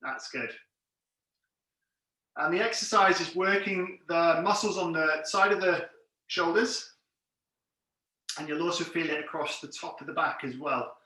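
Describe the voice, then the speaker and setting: A man's voice: fairly high pitch, measured pace, long pauses, pushed and bright. A man instructing an exercise class, giving encouraging, plain step-by-step cues and counts. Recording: very echoey room, distant mic.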